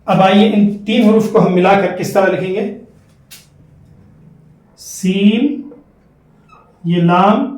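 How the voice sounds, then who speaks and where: A man with a Hyderabadi Urdu accent and a high-pitched, slightly mellow voice teaches Quranic letters. He spells out every letter and syllable and repeats it, slow and deliberate as in a classroom. The mic is distant and the sound roomy.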